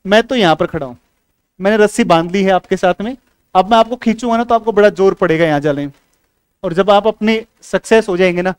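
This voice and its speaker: A man's voice: high-pitched, clear, resonant tone, no echo. A man teaching a classroom lecture, who keeps asking whether the students have understood and scolds them now and then.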